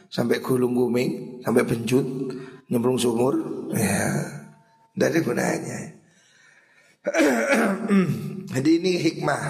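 Gravelly middle-aged Javanese-accented preacher. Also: male voice, medium pitch, roomy sound. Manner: conversational, mixes in regional phrases, frequent throat clearing. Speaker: Islamic preacher teaching a kitab study class. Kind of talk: informal religious lecture.

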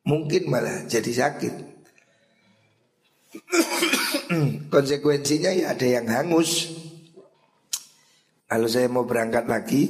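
A middle-aged man with a Javanese accent giving an informal religious lecture, talking conversationally and often clearing his throat. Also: medium pitch, echoey room. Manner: conversational, mixes in regional phrases, frequent throat clearing. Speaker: Islamic preacher teaching a kitab study class.

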